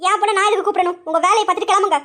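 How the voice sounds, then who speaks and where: A woman's voice: extremely high pitch, fairly even intonation, racing, sharp tone. A woman voicing a scheming mother who defiantly orders unwelcome visitors out of her house.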